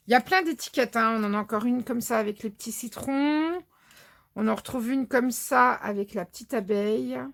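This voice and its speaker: A woman's voice: fairly high pitch, creaky. A woman from France chatting casually through a scrapbooking haul, narrating items with many fillers as she thinks aloud. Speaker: scrapbooking vlogger.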